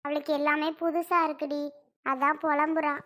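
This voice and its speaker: A woman voicing a gentle, caring middle-aged mother in a cartoon, coaxing and pleading. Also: high-pitched, flat delivery, normal speed. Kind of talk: cartoon voice acting.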